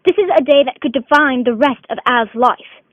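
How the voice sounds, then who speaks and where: A woman's voice: high voice, normal speed, fairly bright tone, no echo. A woman narrating a student mock documentary in a dramatic announcer tone. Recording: dry, tinny phone-like voice-over.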